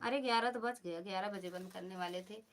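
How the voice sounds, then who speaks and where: A woman's voice: medium pitch, brisk, slight background noise. A woman with an Awadhi accent hosting a casual live stream, chatting with viewers and calling them didi and bhaiya over a phone mic.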